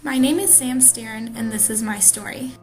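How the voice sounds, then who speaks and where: A woman's voice: a little high, moderate pace, low-quality recording. A young woman from the area, earnestly reading a scripted personal story as a student who plans to teach. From Chicago area, United States. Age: young adult. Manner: earnest, steady, scripted delivery. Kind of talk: read-aloud personal narrative. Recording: music playing clearly underneath.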